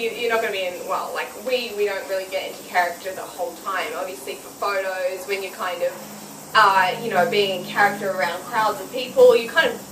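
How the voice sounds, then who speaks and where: A young woman with a New Zealand accent, chatting as a cosplayer guest in an interview, bubbly and laughing often. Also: medium pitch. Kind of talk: casual interview chat. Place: outdoor public gardens. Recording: roomy, distant outdoor mic with noise.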